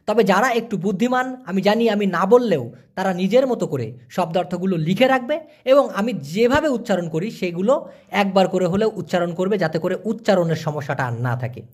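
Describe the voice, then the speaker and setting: A man leads a vocabulary lesson. He explains patiently and sounds out each word slowly, syllable by syllable. His pitch rises and falls in a lively, animated way. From Bangladesh. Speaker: language teacher.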